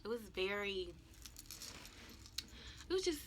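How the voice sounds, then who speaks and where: A woman's voice: medium pitch, very animated, takes it slowly, fairly bright tone, slight background noise. A woman in her twenties frankly telling a personal story in a video journal, candid and emotional. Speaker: vlogger.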